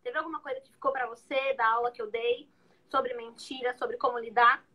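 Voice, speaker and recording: A woman's voice: a little high, steady tone, a little fast, bright, forceful tone, rough recording. A woman psychologist asking questions and affirming in a casual live video chat. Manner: brief affirming interjections and questions. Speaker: psychologist, guest.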